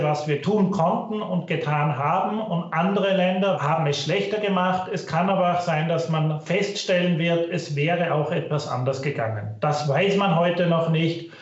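Expert interviewee, male, careful explanatory delivery; low-quality stream, heavy room echo, muffled sound. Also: fairly even intonation, moderate pace, few pauses. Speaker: guest expert, finance professor. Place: recorded remotely over online stream.

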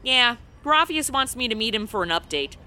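A woman's voice: fairly high pitch, animated, moderate pace, sharp tone, clean tone. An actress playing a flippant modern young American woman stranded in the past, in a comedy audio drama. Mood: blasé.

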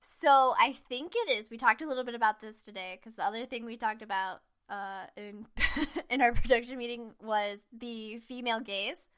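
A woman co-hosting a casual film-discussion podcast, gushing and animated as she retells a story. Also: fairly high pitch, normal speed, clean tone. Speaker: podcast co-host.

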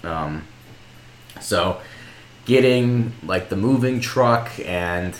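A man's voice: deep voice, expressive, extremely slow, a little hiss or hum. A young man co-hosting a podcast, talking casually and rambling through explanations. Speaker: podcast co-host. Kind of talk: casual chat. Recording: roomy echo.

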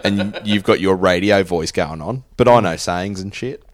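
A man's voice: deep voice, moderate pace, dry recording. A man with a rural Tasmanian Australian accent, chatting casually as a podcast co-host. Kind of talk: casual chat.

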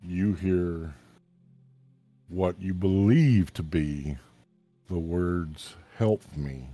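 A man running a tabletop game as game master, narrating events in a calm, measured way. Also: deep voice, faint music behind.

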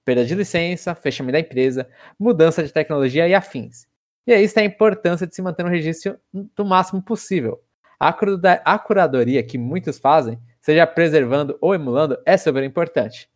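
A man's voice: fairly high pitch, a little fast. A young man with a Brazilian accent hosting a casual podcast, hesitantly repeating words as he talks. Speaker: podcast host.

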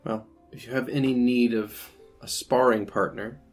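A woman's voice: very deep voice, steady tone, moderate pace, slightly rough, soft background music. A man playing a proud, blunt female warrior in a tabletop game, with a sardonic, condescending manner.

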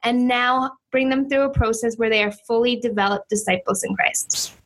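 A woman's voice: fairly high pitch, normal speed. Earnest female podcast co-host. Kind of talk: podcast conversation. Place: office in Toronto.

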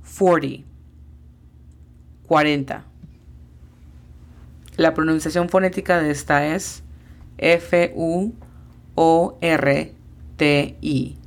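A woman's voice: low-pitched, steady tone, slow pace, pauses often. A woman teaching an English lesson in a podcast, patiently spelling out pronunciations letter by letter.

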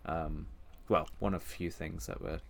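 Very deep-voiced, hesitant man. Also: steady tone, a little slow, vocal fry. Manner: hesitant, filler-heavy, tentative. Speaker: podcast co-host. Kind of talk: casual film review chat.

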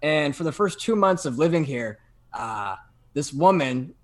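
A young man telling a story in casual chat, animated and full of fillers and restarts. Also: on the high side, unhurried. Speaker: podcast guest telling a story.

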